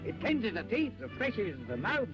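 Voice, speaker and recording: An old film soundtrack with music carries a pompous street huckster. His voice sits high and swings widely as he lectures like a mock-learned showman, brash and full of sales patter. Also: very animated, unhurried, heavily acted. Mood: pompous lecturing. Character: brash fast-patter street huckster selling toothpaste and hair tonic.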